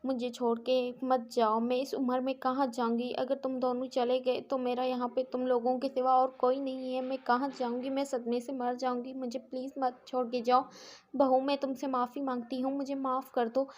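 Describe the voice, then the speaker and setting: Cartoon casting: seventy-year-old domineering mother-in-law, high-pitched and scolding, voiced by a woman. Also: moderate pace, darkish tone, natural voice. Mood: pleading. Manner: scolding, later pleading. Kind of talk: cartoon story voice acting.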